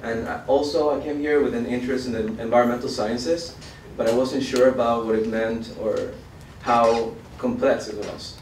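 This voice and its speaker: Flat-voiced young man, roomy hall. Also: mid-range voice, slight background noise. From Argentina. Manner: halting, many fillers. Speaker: student researcher. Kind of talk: conference presentation. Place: college event hall. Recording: roomy hall, mic far off.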